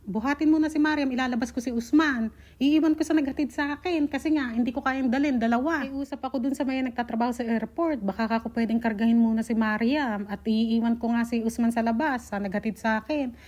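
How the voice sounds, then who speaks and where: This is a young woman from the Philippines with a high voice, recounting a hard trip to her viewers. She talks in a casual, animated way and keeps acting out the people she spoke with. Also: quick pace. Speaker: vlogger telling her travel story.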